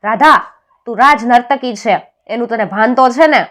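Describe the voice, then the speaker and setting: A woman voicing an angry, proud king who shouts his commands in a storytelling narration. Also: on the high side, normal speed, voice pushed up, close to an everyday voice. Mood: furious. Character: angry proud male king, harsh ruler.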